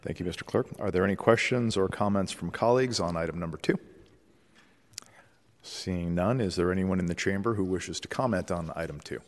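A man chairing a formal public board meeting, speaking in a measured, procedural way with frequent "uh" and "um". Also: low-pitched. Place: large legislative chamber. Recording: long reverb of a large chamber.

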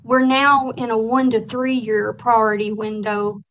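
Higher-pitched woman answering at a meeting. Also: little pitch movement, measured pace, dull audio, a little hiss or hum. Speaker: staff presenter. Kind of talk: explaining and answering questions at a meeting.

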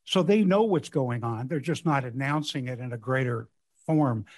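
A man's voice: medium pitch, moderate pace, a little mellow. A man making an earnest, matter-of-fact public comment.

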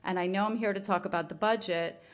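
In a county commission chamber, a woman who is an elected official gives public comment at a county budget hearing, angry and struggling to stay composed. She speaks fast, with a medium-pitched voice and fairly even intonation.

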